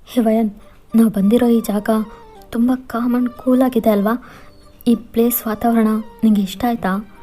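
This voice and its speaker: A woman's voice: fairly high pitch, fairly even intonation, measured pace, warm tone, soft background music, natural voice. A woman voicing an insistent, pleading young man confessing love in a fan fiction voiceover. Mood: earnest pleading. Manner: insistent, coaxing.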